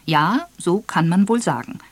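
Major Palgrave, read as a boastful old officer. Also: male voice, sits high, lively intonation, unhurried, no echo, full character voice. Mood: confiding. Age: older. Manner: self-satisfied, gossipy, confiding. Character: Major Palgrave, older man, boastful and gallant. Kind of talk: audiobook character voice.

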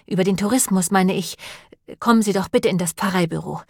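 A woman's voice: mid-range voice, a little fast, vocal fry, no room sound, studio quality. A woman reading an audiobook and voicing an earnest, pious village woman who talks in an urgent, brooding and preachy way.

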